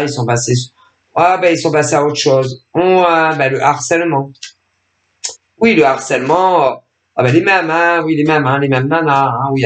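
A woman hosting a tarot channel, talking to her subscribers in a rambling, sarcastic monologue full of fillers and interrupted by coughs from her allergies. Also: deep voice. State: coughing, throat irritation from allergies. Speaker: tarot and oracle channel host. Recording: echoey room.

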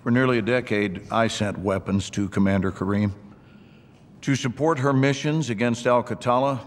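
An actor playing a stern older American army general, speaking in a tough, formal, deliberate manner in a game cutscene. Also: male voice, medium pitch, lightly acted. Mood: stern, measured. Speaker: military general testifying. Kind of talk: dramatic game cutscene acting. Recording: reverberant chamber, background ambience noise.

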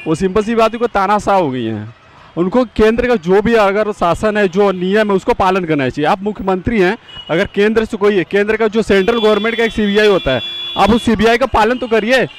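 A man's voice: sits high, a little hiss or hum. A man stopped on a city street, giving an emphatic, repetitive, lecturing opinion to a reporter. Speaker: passerby interviewee. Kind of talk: opinionated street interview answer.

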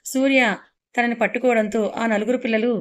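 A woman narrating an audio story, brisk and even. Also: on the high side.

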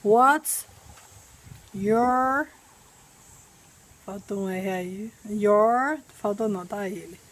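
A woman from Brazil teaching an English lesson outdoors, patiently repeating words slowly to drill pronunciation. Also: mid-range voice, low-quality recording. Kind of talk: recorded language lesson.

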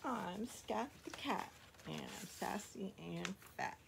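A woman voicing a sassy, fat magic male cat in a storybook read to preschoolers, in a slow sing-song rhyming chant with a gravelly edge. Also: medium pitch, animated, noisy background, full character voice.

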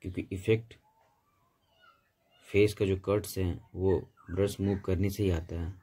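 Low, mellow-voiced male painting instructor. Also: unhurried, slightly rough. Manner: steady, patient step-by-step instruction. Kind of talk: tutorial voice-over explaining technique.

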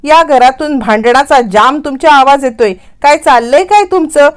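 Lady putting on a bossy fake gangster woman, high-ish voice, scolds and threatens. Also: normal speed, lightly acted. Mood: scolding. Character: bossy woman posing as a gun-waving thug.

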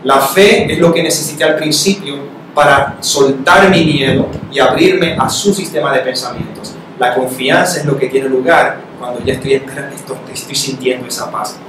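A man giving a spiritual talk to a live audience, animated, acting out quoted voices with sudden rises in pitch. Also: moderate pace, hardly any pauses, background noise. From Spanish-speaking country. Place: meeting room. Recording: echoey room, mic far off.

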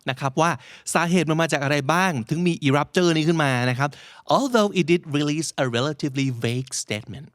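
A man hosting a podcast, explaining English vocabulary from news headlines in a lively, playful way. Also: on the high side, unhurried, smooth, no echo, clean studio sound. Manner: lively, slips into playful put-on quotes.

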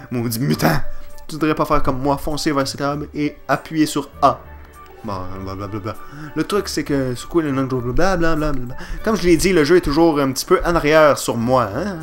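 Excitable Quebec French gamer, animated. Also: male voice, mid-range voice. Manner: excitable, swearing, joking, yelping. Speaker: let's play gamer. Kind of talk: let's play commentary.

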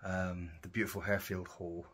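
A touring musician chats to a handheld camera while out walking and sightseeing, casual and self-mocking in travel-vlog style. His deep voice is a bit bright, with little pitch movement, at normal speed.

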